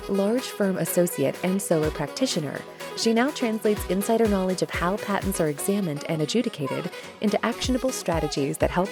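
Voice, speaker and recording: A woman reading a scripted podcast introduction in a smooth, polished way. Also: on the low side. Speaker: podcast announcer. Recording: intro with music underneath.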